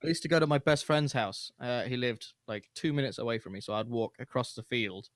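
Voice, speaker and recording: A man's voice: mid-range voice, a little fast, dry recording, clean studio sound. A young man hosting a podcast, telling stories in a rambling, laid-back way with lots of fillers. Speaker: podcast host. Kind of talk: casual chat, storytelling.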